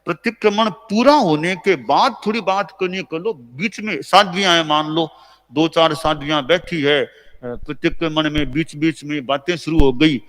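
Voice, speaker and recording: A man with an Indian accent giving a conversational, gently instructive sermon, repeating his points and chanting recited verses slowly. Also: a little high. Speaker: Jain spiritual teacher. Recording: long reverb of a large hall.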